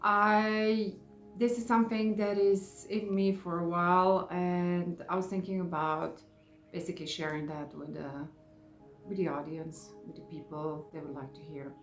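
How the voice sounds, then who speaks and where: Low-voiced Serbian-accented woman sharing her story. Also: flat delivery. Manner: halting, searching for words in a second language. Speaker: face yoga vlogger. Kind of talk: personal testimony vlog. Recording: echoey room with music behind.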